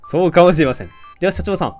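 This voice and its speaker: A man with a Kansai accent streams a mystery game, reading out the characters' lines in turn. His delivery is playful and lively, with pitch swinging widely. Faint game music plays under his voice. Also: rapid-fire. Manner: playful, animated, jokes with the game and often laughs. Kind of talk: let's-play commentary reading character lines.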